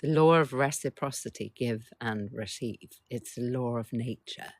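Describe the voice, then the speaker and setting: A middle-aged woman hosts a casual live stream as a coach, speaking bluntly and cursing without hesitation. Her voice carries a gravelly fry. The sound is dry and close, with almost no room echo. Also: very deep voice, normal speed. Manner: blunt and swearing, keeps prompting the chat.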